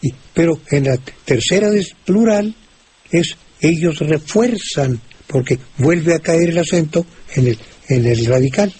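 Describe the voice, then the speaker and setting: Slow, hesitant older Mexican man. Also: on the high side, a little mellow, breathy edge. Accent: Mexican Spanish. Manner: slow and hesitant, many restarts and fillers. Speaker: language expert answering listener questions. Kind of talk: radio call-in chat. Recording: old radio recording with faint hiss.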